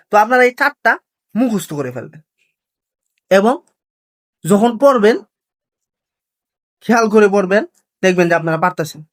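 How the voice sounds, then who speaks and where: A Korean language teacher, giving an online lesson. The teacher explains slowly and patiently, asks each point back as a question and then answers it. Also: medium pitch. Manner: slow, patient, drilling explanation.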